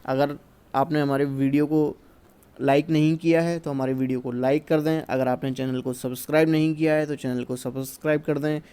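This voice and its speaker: Mellow-voiced Indian man teaching exam answers. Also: on the high side, little pitch movement, clear, resonant tone. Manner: reads English questions slowly, explains in Hindi. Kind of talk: exam question walkthrough.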